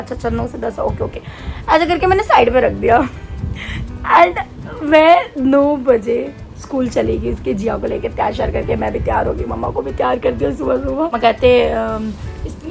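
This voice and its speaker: Animated woman vlogging with a gravelly edge. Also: a little high. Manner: animated, laughing at herself. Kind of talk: casual vlog chat in Hindi mixed with English. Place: at home getting ready.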